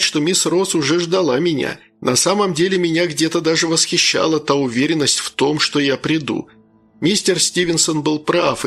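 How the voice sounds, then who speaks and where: A man's voice: a little high, gravelly, a bit bright, husky. A man reading a first-person story aloud in a sardonic, dry manner. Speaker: audiobook narrator. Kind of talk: scripted first-person narration.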